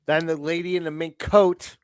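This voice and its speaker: A man co-hosting a podcast, chatting crudely and excitably about a movie and laughing often. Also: on the high side, normal speed, clean tone, no echo. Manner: profane, excitable, laughs a lot. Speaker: podcast co-host. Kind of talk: crude casual chat.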